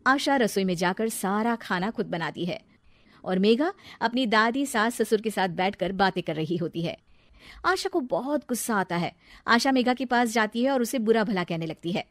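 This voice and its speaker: A woman narrating a family story in a plain, steady manner. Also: mid-range voice, normal speed, no echo.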